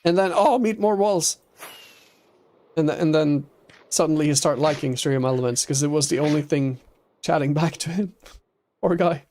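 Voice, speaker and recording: A man's voice: fairly high pitch, moderate pace, pauses often, darkish tone. A man streaming a building game, thinking aloud and chatting with viewers, laughing easily. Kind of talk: casual chat while playing a building game.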